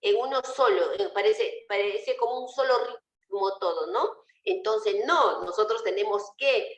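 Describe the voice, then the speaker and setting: A woman teacher with a mid-range voice gives an online class from home over a video call, speaking a little slowly. She is patient and often puts rhetorical questions to her students. The computer mic yields roomy video call audio.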